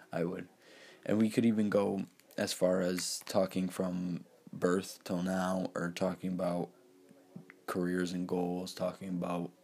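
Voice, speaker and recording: A man's voice: sits low, creaky, darkish tone, slightly rough. An eighteen-year-old man talking casually on his own, rambling with lots of fillers and restarts. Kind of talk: casual solo talk.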